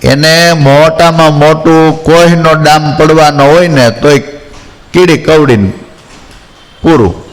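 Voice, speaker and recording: A man's voice: on the high side, slow pace. Guy spinning village stories in a spiritual talk, doing the villagers' voices, big echoey hall. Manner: anecdotal, acts out villagers in quoted voices. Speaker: spiritual storyteller. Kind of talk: folksy devotional discourse.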